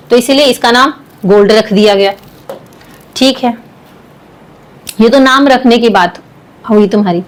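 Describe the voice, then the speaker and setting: A woman, a science teacher explaining a lesson step by step and calling her students beta. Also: sits high. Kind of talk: classroom lecture.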